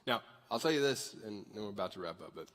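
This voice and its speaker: Talking fast with a lowish, fairly bright voice and lively intonation, this pastor in his thirties gives a conversational sermon to his church audience, inviting them to raise their hands. Long hall reverb from the big sanctuary colors the sound.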